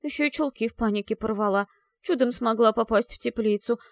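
A woman voicing a flustered young werewolf girl whose voice gurgles with tears and swings high and whiny. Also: a little fast, no room sound, clean studio sound. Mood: embarrassed. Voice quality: tearful, gurgling voice. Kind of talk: audiobook character voice.

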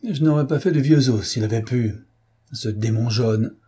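A man voicing an excited rustic male gardener, reporting eagerly and breathlessly. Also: mid-range voice, normal speed, breathy edge, close to an everyday voice.

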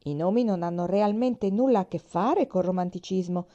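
A woman's voice: mid-range voice, normal speed, mellow, highs cut off, pitched above the performer's own voice, natural voice. A woman reading the lines of a pedantic uncle who speaks resolutely and matter-of-factly.

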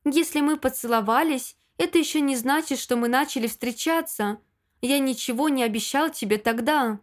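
A woman's voice: sits high, moderate pace, lightly acted. A woman reading the lines of an angry, impatient young man in an audiobook, snapping and curt.

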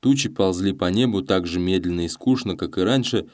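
A man reading a story aloud as a narrator, measured and dramatic. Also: low voice, a little mellow. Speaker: audiobook narrator. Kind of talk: scripted narration.

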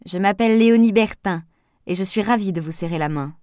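A woman's voice: mid-range voice, a little fast, darkish tone, dry recording, studio quality, lightly acted. A woman voicing a gossipy elderly village woman who talks in a confiding, old-fashioned way.

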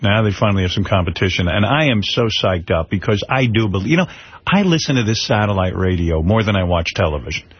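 A man's voice: fairly low pitch, expressive, quick pace, breathy edge, no room sound. A middle-aged man hosting a radio talk show, rambling and incredulous as he riffs, in dry, muffled studio sound. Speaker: radio host. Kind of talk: shock-jock radio banter.

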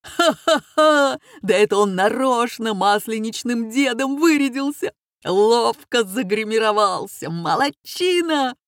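A woman voicing an excitable young male student who gushes in high, loud exclamations. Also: a little fast, breathy edge, no echo, clean studio sound. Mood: gleeful.

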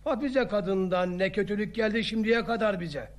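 An actor playing Emin Efendi, a blustering older village father who scolds his wife and shouts at the crowd. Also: high-pitched, close to an everyday voice. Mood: scolding. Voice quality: gravelly. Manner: gruff, scolding, slow and blustering. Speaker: village elder in a period drama.

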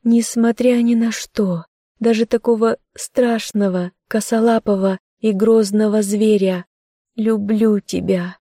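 A woman's voice: mid-range voice, fairly even intonation, unhurried, mellow, dry recording, studio quality, pitched above the performer's own voice. A woman reading an audiobook, voicing a tender, devoted young village girl who speaks with emotional, pleading intensity. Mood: sobbing.

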